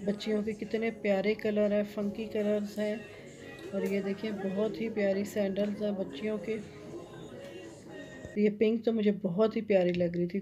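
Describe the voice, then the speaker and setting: A middle-aged Pakistani woman vlogs as she strolls through a big clothing store, her medium-pitched, warm voice gushing over the merchandise and peppered with fillers. She films it all on a handheld phone, so the narration comes through as dull, lo-fi phone audio.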